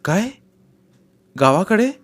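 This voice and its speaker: A man's voice: sits high, very animated, takes it slowly, a bit bright, pitched above the performer's own voice, full character voice. A man voicing a wary, educated younger man who answers his friend's offers with surprise and doubt in a read-aloud novel. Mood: wary, doubtful.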